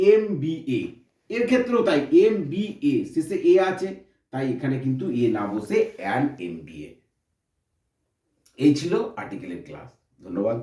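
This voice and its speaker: High, lively man teaching a grammar lesson. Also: normal speed, echoey room, far from the mic. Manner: explains step by step, asking and answering his own questions.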